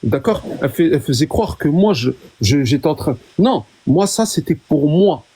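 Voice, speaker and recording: A man with a fairly high, mellow and husky voice speaks as a guest in a casual live debate. He explains insistently, often doubling back on his words. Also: sing-song, normal speed.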